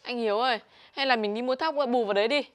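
A woman's voice: fairly high pitch, fast talker, natural voice. A woman with a Northern Vietnamese accent playing a scatterbrained younger sister who whines and pleads in a village comedy sketch. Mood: wheedling. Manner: whiny, wheedling, pleading.

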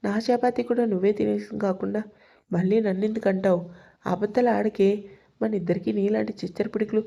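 A woman voicing a cheeky young man in a storybook reading, bantering playfully and a bit loud. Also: mid-range voice, fairly even intonation, fairly quick, gravelly. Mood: teasing. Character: teasing young man, cheeky son-in-law.

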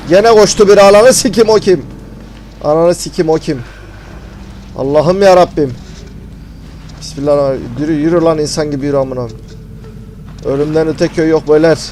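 A man commentating a horror game, panicky and swearing, muttering prayers and often dropping to a hushed voice. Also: fairly high pitch, a little hiss or hum, rough recording. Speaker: gamer.

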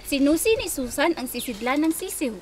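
A woman's voice: high voice, animated, brisk, over loud music. A woman with a Filipino accent, playfully coaching tongue twisters, correcting and repeating words like a teacher. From Philippines. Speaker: wife hosting a tongue twister challenge. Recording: noisy home-video recording.

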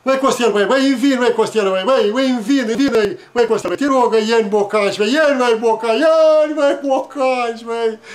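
A man's voice: extremely high pitch, hardly any pauses, pitched above the performer's own voice. A man voicing a crying little boy, pleading over and over. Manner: whining, pleading, repetitive.

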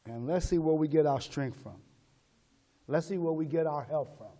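Pastor guy preaching, high voice, calls out to the church then drops low. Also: normal speed, in a large hall. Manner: call-and-response preaching, shifts from shouts to low asides. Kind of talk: sermon.

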